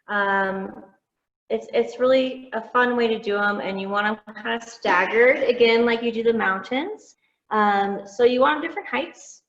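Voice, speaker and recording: Chatty woman teaching painting over a video call. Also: a little high. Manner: chatty, with frequent "um" fillers and gentle self-teasing. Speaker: painting instructor. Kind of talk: step-by-step painting lesson. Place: art studio. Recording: roomy lo-fi video call audio.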